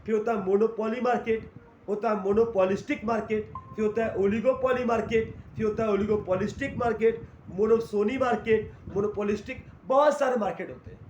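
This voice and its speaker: High-pitched male teacher in an echoey room. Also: fairly even intonation, fairly quick, darkish tone, lo-fi sound. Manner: explains in Hindi mixed with English terms, asks and answers his own questions. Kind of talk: classroom lecture. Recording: echoey room, faint noise.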